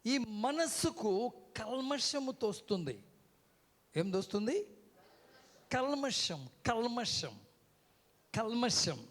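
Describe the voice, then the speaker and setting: A guest preacher delivers a sermon from a church stage, calling out "hello" to the crowd again and again and having the congregation repeat words back to him. His voice is very high and a bit bright, with a sing-song lilt, a slow pace, and frequent pauses.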